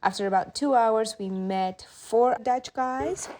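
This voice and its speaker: A woman's voice: fairly high pitch, slow pace, crowd noise. A young woman travel vlogger, chatty and self-amused, narrating a mountain hike and chatting with people she meets. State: out of breath at times. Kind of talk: vlog narration and chat while hiking. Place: mountain trail outdoors and guest house.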